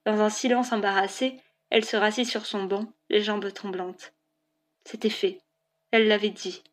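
A woman narrating a novel as an audiobook in a clear, even storytelling delivery. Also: mid-range voice, normal speed.

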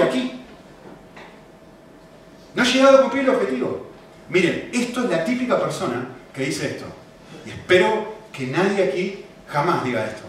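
A man preaching a sermon, animated and full of rhetorical questions. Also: sits high, a little hiss or hum. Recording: echoey hall from a distance.

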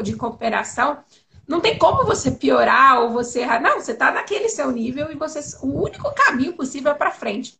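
A Brazilian woman hosting a casual conversation in an enthusiastic, expressive and informal way. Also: sits high, vocal fry. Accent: Brazilian Portuguese. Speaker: host. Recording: faint background noise.

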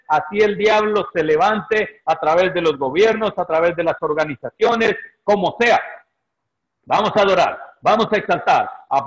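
A man preaching a sermon to his congregation and reading scripture aloud, exhorting them with drawn-out "ah" pauses. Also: sits high, rough recording. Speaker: pastor.

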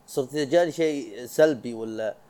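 A young man from talks fast in a casual solo podcast. His voice is warm and dark, never sharp. He rambles, cuts himself off mid-word and laughs along the way. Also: mid-range voice. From Saudi Arabia. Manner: chatty, rambling, self-interrupting, laughs often. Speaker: podcast host.

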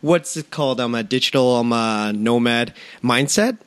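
A man's voice: mid-range voice, normal speed, a bit bright, clear, resonant tone, no room sound. Male podcast host, casual and hesitant, dry recording. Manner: hesitant, lots of fillers. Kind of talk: casual interview.

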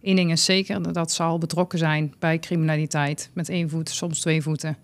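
A woman, a youth work coordinator, answering interview questions off the cuff with small pauses. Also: deep voice, level tone, no room sound.

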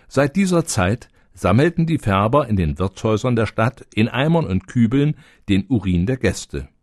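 A man narrating a storybook tale in a calm, even manner. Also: fairly low pitch, no echo, studio quality.

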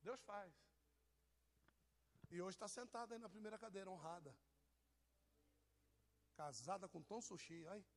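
High-voiced man preaching, teasing tone. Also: a little slow, pauses often. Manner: teasing, jokey, addresses people in the pews. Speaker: pastor. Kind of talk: informal sermon to a congregation.

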